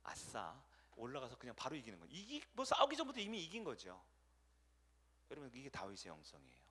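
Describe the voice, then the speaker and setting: A man's voice: medium pitch, huge pitch swings, fast, a bit bright, slightly rough. A middle-aged man preaching a sermon as a pastor. He keeps asking the congregation questions, answers them himself, and acts out short voices.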